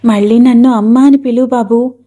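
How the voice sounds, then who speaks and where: A woman's voice: fairly high pitch, fairly even intonation, a little fast, mellow, close to an everyday voice. A woman voicing a grieving, defiant mother. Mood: pleading. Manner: tearful, pleading, then defiant. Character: grieving middle-aged mother, fierce and proud.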